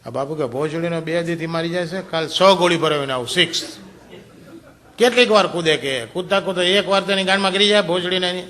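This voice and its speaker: A man tells crude jokes, laughing at his own punchlines. His voice sits a touch high and rings very bright and forceful. He slips into the voices of his characters as he goes. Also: brisk. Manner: crude, chuckling storyteller, acts out characters' quoted lines. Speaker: stand-up comedian. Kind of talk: adult joke telling to a live audience.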